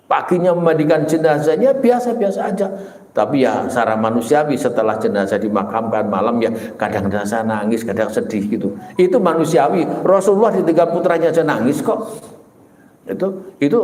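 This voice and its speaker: A middle-aged man preaching a sermon, telling stories with sudden leaps in pitch. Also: fairly quick. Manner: animated storytelling with sudden pitch jumps. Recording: echoey room.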